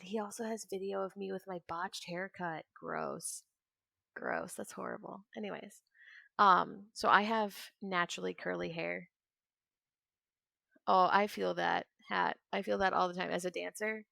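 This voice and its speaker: A woman in her twenties streams a video game, chatting in a casual, rambling way and at times fading into muttering to herself. Her voice sits on the low side and is creaky and a bit bright, recorded at studio quality without echo.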